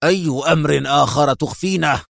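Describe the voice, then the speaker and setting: A man's voice: mid-range voice, normal speed, dry recording, lightly acted. An angry, stern male villain for an audiobook, voice dry and close, read by a male narrator.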